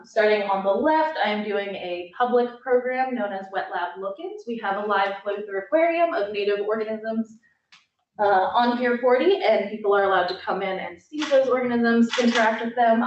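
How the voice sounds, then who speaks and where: A woman's voice: on the high side, slight background noise. Young woman presenting in an echoey room. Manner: enthusiastic, gets emotional and choked up near the end. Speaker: student intern presenter. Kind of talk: presentation with slides. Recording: echoey, distant, dull lo-fi sound.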